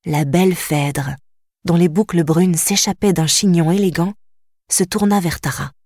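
Lady narrating a storybook audiobook, calm even read, dry close mic. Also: lowish voice, a little slow, no room sound. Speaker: audiobook reader.

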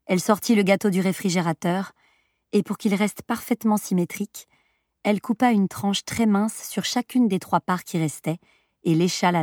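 A woman narrating an audiobook with an even, measured reading. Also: fairly low pitch, no room sound, clean studio sound. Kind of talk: scripted narration.

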